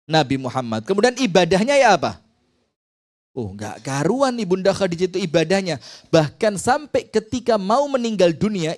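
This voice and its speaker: Male preacher, lively sermon full of rhetorical questions and jokes, voice a touch high. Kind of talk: sermon to a women's study group.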